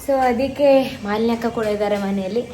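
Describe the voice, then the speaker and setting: Female vlog host, lively, slightly high voice, faint noise. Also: fairly quick. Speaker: vlogger co-host. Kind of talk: casual vlog chat.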